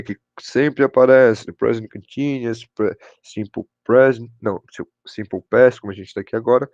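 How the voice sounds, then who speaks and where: A man's voice: mid-range voice, creaky, a little mellow, no echo, highs cut off. A man with a Brazilian Portuguese accent teaching an online English grammar class, often checking in with his students. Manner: repeats "show de bola" and "pessoal", checks in with students.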